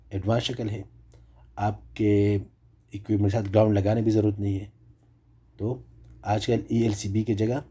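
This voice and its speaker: A man's voice: lowish voice, dark tone, slightly rough. A man explaining electrical breakers step by step, asking and answering his own questions. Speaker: electrical tutorial presenter.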